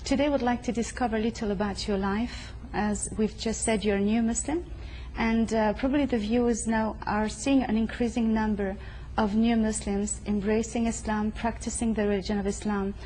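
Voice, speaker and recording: Woman host with a warm, mellow voice. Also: on the high side, fairly even intonation, normal speed, few pauses, slight background noise, low-quality recording. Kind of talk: studio-style interview. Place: a private home.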